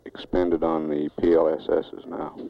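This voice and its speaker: Very even, low-voiced mission announcer, male. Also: gravelly. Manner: matter-of-fact, deliberate. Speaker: mission public affairs announcer. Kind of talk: factual mission status commentary. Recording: dull 1960s broadcast with faint hiss.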